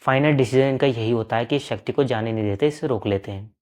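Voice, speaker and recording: A man recounting a horror story in a relaxed, conversational way, with a mid-range voice. He narrates in a plain spoken manner and keeps it steady and unhurried. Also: mid-range voice.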